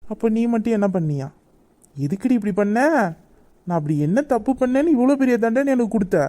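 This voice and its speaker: Woman acting a hurt young man in love, sulking and reproachful, mellow dark tone, high-ish voice, romantic audio drama. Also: fairly quick, natural voice. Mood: tender.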